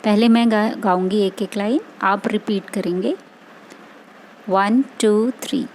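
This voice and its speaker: A woman's voice: mid-range voice, fairly even intonation, slow, a little mellow, a little hiss or hum, poor audio. A woman music teacher giving an online class, patiently correcting her pupils' pronunciation word by word. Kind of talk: online class lesson on singing a prayer.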